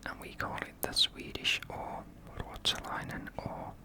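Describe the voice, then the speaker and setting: A Finnish ASMR creator whispers softly and slowly in a Finnish accent, letting out small laughs throughout the video.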